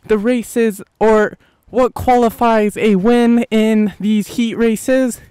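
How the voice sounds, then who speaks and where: A man voicing a hyped male monster truck arena announcer in an improvised role-play, with a drawn-out, booming showman delivery. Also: steady tone, warm tone, clean tone, no room sound.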